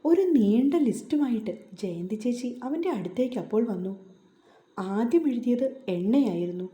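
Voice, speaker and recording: Woman with a dark, mellow voice narrating a story. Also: fairly high pitch, normal speed. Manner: calm, relaxing reading. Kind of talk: novel narration. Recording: roomy echo.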